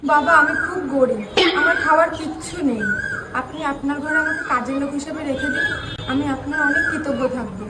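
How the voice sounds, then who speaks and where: A woman acting in a short comedy skit, talking in a quick, scolding way. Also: high-pitched, very noisy.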